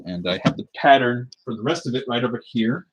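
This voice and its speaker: Brisk and expressive, a man in his twenties from the US Pacific Northwest chats on a livestream in a mid-range voice while crafting a cosplay prop at his lamp-lit home desk. He rambles in an easygoing way, and his webcam mic picks up a noisy background.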